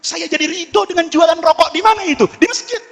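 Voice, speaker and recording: A man voicing an excitable elderly male scholar who exclaims in shock and indignation. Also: quick pace. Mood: indignant. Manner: high-pitched, exclaiming, indignant. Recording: reverberant hall, husky voice.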